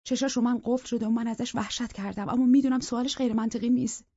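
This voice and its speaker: A woman narrating a psychological thriller audiobook in the first person, in a tense, intimate manner with a husky voice. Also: on the high side, fairly even intonation, warm tone, no echo, muffled recording.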